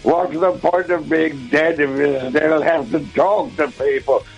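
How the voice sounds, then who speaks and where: A man's voice: on the high side, steady tone, a little slow, gravelly, dull audio, soft background music. A man voicing a pompous, irritable old ghost of a rich man, speaking in a comedy radio sketch. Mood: scornful. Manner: haughty, scornful, grumbling.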